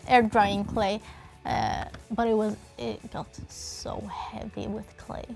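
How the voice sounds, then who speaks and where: A woman in her thirties from Sweden hosting a casual chat about her hobby, talking quickly and laughing often. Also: mid-range voice, level tone, vocal fry, music in the background. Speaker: host.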